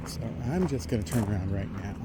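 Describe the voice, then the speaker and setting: A middle-aged man thinks aloud in a halting technical monologue while walking outdoors along a road. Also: fairly low pitch, animated. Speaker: vlogger. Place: outdoors on a residential roadside. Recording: outdoor street noise, passing vehicles.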